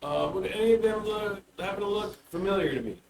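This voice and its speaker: A man playing a tabletop game, talking casually and half in character, in a hesitant, halting way. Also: high voice. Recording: echoey, distant mic with clear noise.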